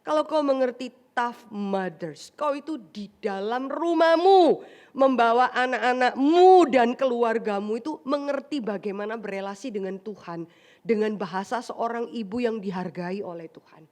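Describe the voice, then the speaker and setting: A woman's voice: fairly high pitch, normal speed, a little mellow. A woman pastor with an Indonesian accent preaching a conversational sermon in a church, mixing in English phrases and acting out little asides. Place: church sanctuary.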